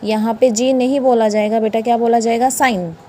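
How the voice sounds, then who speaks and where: A woman with an Indian accent gives a pronunciation lesson in a fairly high, mellow voice. She spells words out letter by letter and asks her class questions, then answers them herself. A faint hiss sits under the recording. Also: steady tone, brisk. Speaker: English teacher.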